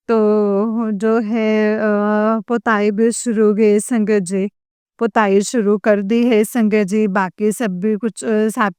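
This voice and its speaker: Woman, devotional testimony, slow and halting, very clear voice, dry close sound. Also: on the high side, darkish tone, no room sound. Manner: slow, halting, with many fillers and addresses to the congregation. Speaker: devotee sharing experiences with the congregation.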